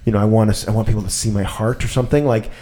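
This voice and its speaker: A man in his thirties, a podcast host chatting casually and telling stories in a rambling, animated way with lots of fillers. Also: fairly low pitch, rapid-fire. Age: 30s.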